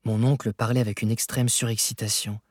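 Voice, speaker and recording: A man reading a classic novel aloud as scripted narration, measured and expressive. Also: on the low side, no echo, clean studio sound. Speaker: audiobook reader.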